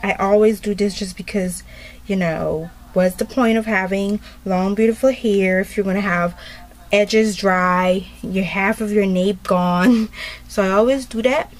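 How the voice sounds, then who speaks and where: A woman's voice: mid-range voice, fairly even intonation, unhurried. A woman vlogger talking casually through a hair tutorial, rambling with lots of fillers. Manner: chatty and rambling, many fillers. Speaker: beauty vlogger.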